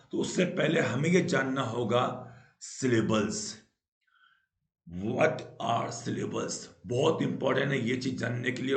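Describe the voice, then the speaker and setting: A man with a medium-pitched voice teaches English grammar in Hindi, and the sound is roomy. He explains patiently, repeats key points, and keeps checking in with "right?" throughout this Hindi-language grammar lesson.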